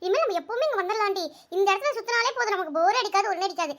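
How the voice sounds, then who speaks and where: Woman voicing excited little cartoon girl, squeaky high, rapid-fire, bright. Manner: fast, excited, teasing. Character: chatty young village girl.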